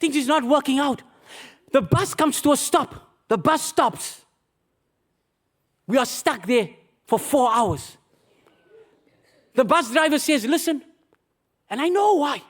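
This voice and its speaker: A man, a pastor, telling a personal testimony in a sermon, animated and self-mocking, calling his listeners beloved. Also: extremely high pitch, slow, pauses often.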